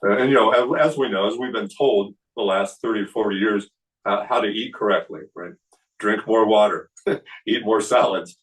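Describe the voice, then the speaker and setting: This is a seminar talk from a kung fu instructor in his late sixties. He explains things calmly in a deep, leisurely voice, leaning often on "uh" and "you know," and the mic seems to catch him from across an indoor room, like a camera would.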